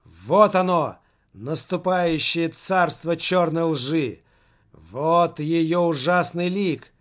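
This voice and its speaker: A man reading aloud as a young female journalist, declaiming loudly. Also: a little high. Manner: loud, declamatory. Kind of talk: audiobook reading.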